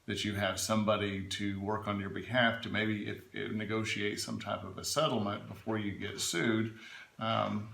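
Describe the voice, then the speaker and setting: Bright-voiced man advising, in an echoey room. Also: on the low side, level tone, normal speed, gravelly. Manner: emphatic, checks in with "right?" and "okay?". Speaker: legal adviser being interviewed. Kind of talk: informal explanatory interview answers.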